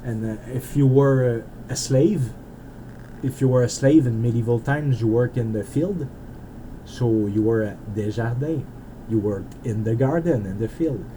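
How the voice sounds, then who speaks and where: Poor audio with a bit of hiss or hum carries a mellow, medium-pitched male voice speaking unhurriedly. He's a French-native game developer with a French Canadian accent, vlogging casually. His talk wanders, cutting himself off and starting over frequently.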